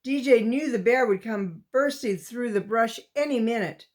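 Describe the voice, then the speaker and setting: A woman reading a chapter book aloud as storyteller, in a slow and steady way. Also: on the high side.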